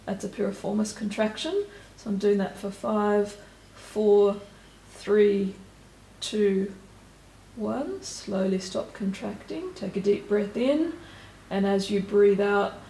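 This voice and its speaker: Calm woman guiding stretches in a roomy space. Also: mid-range voice, slow. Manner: calm, step-by-step cueing with counted holds. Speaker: stretching instructor. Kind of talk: guided exercise instruction.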